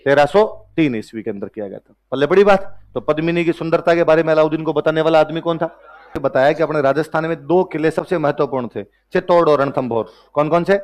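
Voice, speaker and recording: A young man teaches history like a storyteller, slipping into the characters' voices and firing quick questions at his class. His voice sits fairly high for a man. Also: a little mellow. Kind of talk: lively classroom history lecture.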